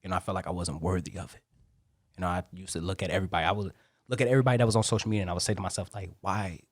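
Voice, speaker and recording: A man's voice: sits low, steady tone, racing, dry recording, studio quality. A man speaking as a guest on a podcast, earnest and heartfelt, opening up with plenty of emotion. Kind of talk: casual podcast interview. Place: podcast studio, in person with host. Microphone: studio microphone.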